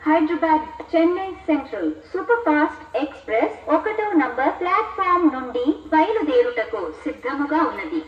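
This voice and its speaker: A woman's formal train station announcement over a loudspeaker, read in a measured announcer's delivery. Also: high-pitched, big pitch swings, distant mic. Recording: echoey loudspeaker heard from afar, dull sound.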